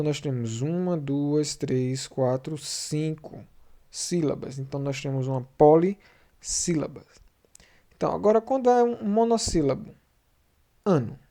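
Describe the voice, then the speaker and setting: A man with a Brazilian Portuguese accent teaching a video lesson, repeating key terms and slowing down to spell out syllables. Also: a little high, dark tone. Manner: repetitive, slows down to spell out syllables and endings.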